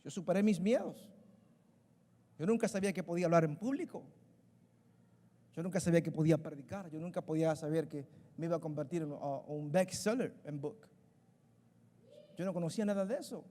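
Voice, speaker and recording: A man in his thirties preaching a sermon, building from quiet storytelling to loud, shouted preaching. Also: on the high side, a little fast, long pauses, in a large hall. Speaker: pastor.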